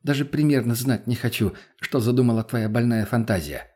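A man's voice: medium pitch, fairly quick, a little mellow, husky, lightly acted. A man voicing a squeamish young woman who speaks in a weary, grimacing way. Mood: disgusted.

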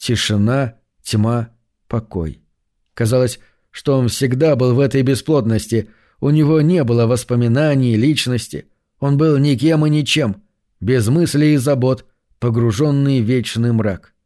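Mellow-voiced male audiobook narrator. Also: mid-range voice, measured pace.

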